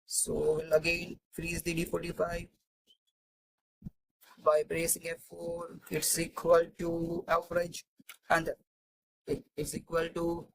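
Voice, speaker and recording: A man walks through spreadsheet formulas in a screen-recorded tutorial. He talks in a halting, think-aloud way, with frequent fillers and restarted phrases. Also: on the high side, completely flat delivery, vocal fry, slight background noise, low-quality recording. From India. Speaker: Excel tutor.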